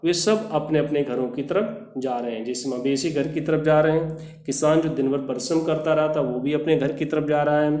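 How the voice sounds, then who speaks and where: A man teaching a poem, reading the English lines very slowly and then explaining each one. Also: fairly high pitch, a little mellow, echoey room.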